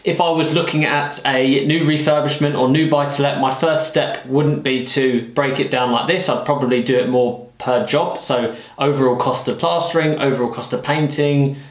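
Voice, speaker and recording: A man's voice: mid-range voice, steady tone, normal speed. A young British man giving a chatty, self-deprecating renovation update to camera in a half-finished room. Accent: British English. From United Kingdom. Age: young adult. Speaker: property renovation vlogger. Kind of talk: casual DIY update to camera. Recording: roomy echo of a bare room.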